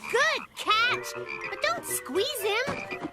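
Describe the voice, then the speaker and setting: A woman voicing a cheeky, quick-witted little girl in a children's cartoon, with a wry, sassy manner. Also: extremely high pitch, lively intonation, exaggerated voice. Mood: excited. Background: music.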